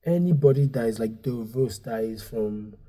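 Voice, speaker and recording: In a casual interview chat, a Nigerian-accented comedian and club owner in his thirties talks loosely, using lots of fillers and repeated words. His voice is medium-pitched and dark in tone, at a moderate pace.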